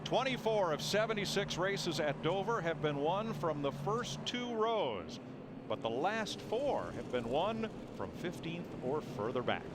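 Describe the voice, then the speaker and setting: A man doing play-by-play as lead motorsport announcer, in measured, formal broadcast phrasing. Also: fairly high pitch, sing-song. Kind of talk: live play-by-play race commentary. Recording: loud outdoor racetrack noise behind.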